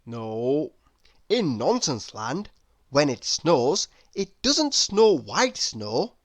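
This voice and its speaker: In a low, sing-song voice, a woman draws out her words while reading a children's story aloud. It's an expressive read-aloud in which she directs questions at the listener.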